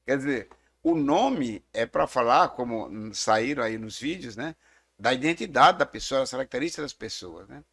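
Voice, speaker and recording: A middle-aged Brazilian man with a gravelly, slightly fried voice muses on questions of faith, unhurried and reflective, with a Brazilian Portuguese accent. His mid-pitched delivery is expressive and a bit bright, and he explains things and often pauses to tell a story in this casual theological discussion.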